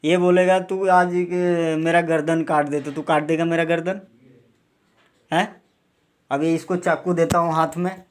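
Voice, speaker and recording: A man with a high-pitched voice scolds and interrogates in a heated, threatening way. He keeps snapping short demanding questions. It sounds like it was recorded indoors in a small rented room. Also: level tone, measured pace. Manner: angry, scolding, keeps barking a demanding "huh?". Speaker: man confronting suspected thieves.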